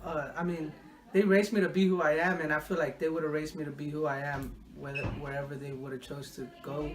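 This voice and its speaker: A young man from Mexico answering interview questions in a casual, halting way, often repeating words while he thinks. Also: a little high, little pitch movement, noisy background.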